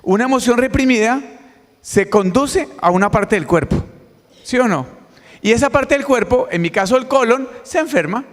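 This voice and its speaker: A middle-aged Colombian man giving a conference talk, lively and quizzing the audience directly. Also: very high-pitched, moderate pace. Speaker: motivational speaker. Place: large conference hall. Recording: reverberant hall, mic on stage.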